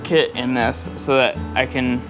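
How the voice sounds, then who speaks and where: A man's voice: medium pitch, flat delivery, a little slow, music in the background. A tired man vlogging outdoors beside his truck, rambling easily with lots of fillers. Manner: rambling, easygoing, with many fillers and laughs. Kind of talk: casual off-the-cuff vlog talk.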